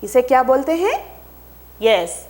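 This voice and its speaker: Slow, lively woman teacher. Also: high voice. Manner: very slow, drawn-out syllables with repeat-after-me prompts. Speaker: primary school teacher. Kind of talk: slow drilled phonics lesson for young children.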